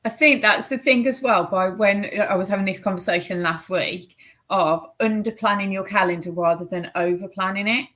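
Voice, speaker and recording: A woman's voice: mid-range voice, moderate pace, a bit bright, low-quality recording. A woman hosting a podcast, talking earnestly and practically, giving advice. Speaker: podcast host. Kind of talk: casual conversational interview.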